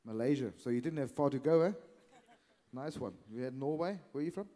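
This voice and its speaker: A man's voice: mid-range voice, animated, brisk, dark tone. A middle-aged man hosting a live cooking session in a convention hall, chatty and teasing. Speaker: host of cooking demo sessions. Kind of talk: casual live event hosting. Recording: hall reverb.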